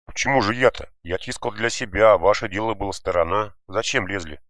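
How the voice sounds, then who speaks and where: A man voicing an angry, defiant teenage boy in a children's home, shouting and scornful, raised above his own low voice. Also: fairly quick, no echo, lightly acted. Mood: furious.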